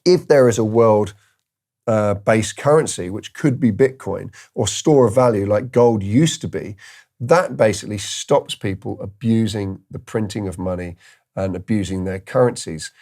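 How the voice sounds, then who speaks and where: A man's voice: lowish voice, normal speed, a little mellow. A man hosting a crypto video, giving casual commentary and thinking aloud with fillers and restarts. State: tired, yawning.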